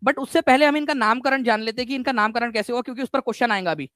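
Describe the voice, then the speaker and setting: A male teacher giving a live online exam-prep class, energetic and repetitive, quizzing his students and mixing in English words. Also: very high-pitched, very fast, no echo.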